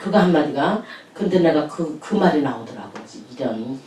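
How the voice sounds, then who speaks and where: A woman's voice: low-pitched, expressive, moderate pace, darkish tone, a little hiss or hum. A woman pastor telling chatty anecdotes in a sermon, laughing often as she speaks. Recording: echoey room, distant mic.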